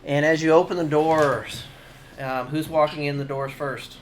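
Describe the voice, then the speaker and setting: A man narrating a tabletop game as dungeon master, halting and full of fillers. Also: a little high, steady tone, slight background noise. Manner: halting, many fillers and restarts.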